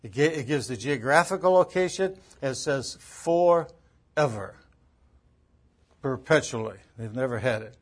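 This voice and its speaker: Driving his points with repeated lines and rhetorical questions, a preacher teaches on how to interpret the Bible. He sounds animated and brisk at medium pitch, barely pausing, with a breathy edge.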